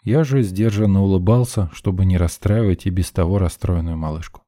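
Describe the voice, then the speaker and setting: A man narrating a first-person audiobook in a calm, even storytelling manner. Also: low-pitched, a little fast, no echo, studio quality.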